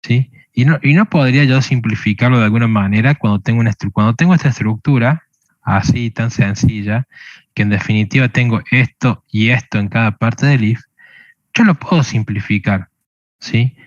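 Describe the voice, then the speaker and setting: A man's voice: mid-range voice, moderate pace, no room sound. Man teaching code, muffled dry recording. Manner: explains step by step, keeps checking with a questioning "¿sí?". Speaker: programming teacher. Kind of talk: screen-recorded coding lesson.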